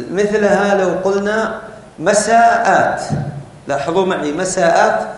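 A man teaching a class in a lecture, explaining rules step by step and asking the students questions. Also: high-pitched. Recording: very echoey room with faint noise.

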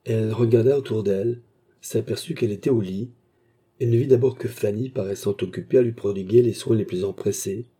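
A man narrating a classic novel in a measured storytelling manner. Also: lowish voice, dark tone, breathy edge. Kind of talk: audiobook narration.

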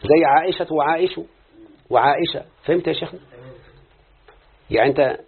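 Egyptian man teaching grammar, gravelly, fast. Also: a little high. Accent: Egyptian Arabic. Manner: quizzes students with constant check-in questions. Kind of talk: classroom lesson in Arabic grammar. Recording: muffled phone-like lo-fi recording.

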